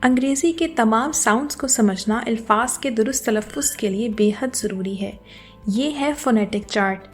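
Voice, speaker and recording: Higher-voiced woman teaching pronunciation. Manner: clear, careful demonstration of word sounds. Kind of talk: scripted lesson narration. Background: soft background music.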